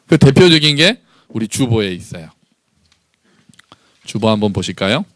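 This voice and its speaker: A man's voice: on the low side, moderate pace, no echo. A male pastor preaching a Sunday sermon in church, asking the congregation questions and voicing anguished prayers. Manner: animated, acts out anguished prayers with rising voice.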